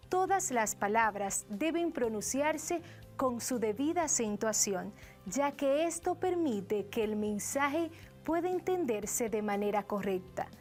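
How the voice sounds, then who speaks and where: A Dominican-accented woman teacher with a fairly high voice works through a lesson at an unhurried, deliberate pace. She explains each point carefully, leaning on syllables to show the stress. Soft music plays faintly underneath. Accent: Dominican Spanish. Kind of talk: educational lesson.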